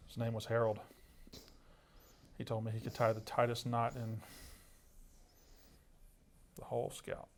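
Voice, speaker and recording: Deadpan guy interviewer, mid pitch, teasing and irreverent, casual comedy chat. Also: unhurried, long pauses, slight background noise. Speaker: interviewer, host.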